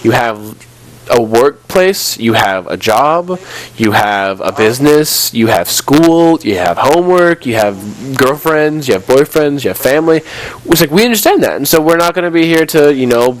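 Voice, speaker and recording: Playing a video game, this nineteen-year-old host of gaming videos spins casual stories, exasperated and reenacting conversations he remembers. His voice is medium-pitched and the audio quality is poor.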